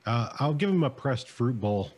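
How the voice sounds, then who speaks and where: A man's voice: mid-range voice, lively intonation, moderate pace, darkish tone, slightly rough, lo-fi sound. A man chatting casually as a player in a tabletop game. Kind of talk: casual chat.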